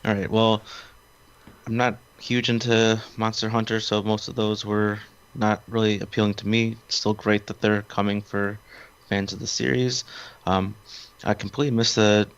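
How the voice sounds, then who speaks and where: A man co-hosting a casual podcast, talking in a relaxed, easygoing way. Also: on the low side, moderate pace, smooth. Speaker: podcast co-host. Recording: dull, muffled sound.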